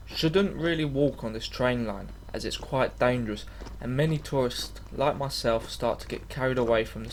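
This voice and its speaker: A man's voice: medium pitch, a little hiss or hum. A man reading a scripted travel documentary voice-over in an earnest, slightly stumbling way. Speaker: vlogger narrating a walking trip.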